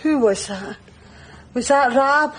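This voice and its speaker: A venomous Glaswegian wife. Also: female voice, high voice, slow, noisy background. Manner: venomous, insulting. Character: foul-mouthed bedridden Glaswegian wife. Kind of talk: TV sitcom acting.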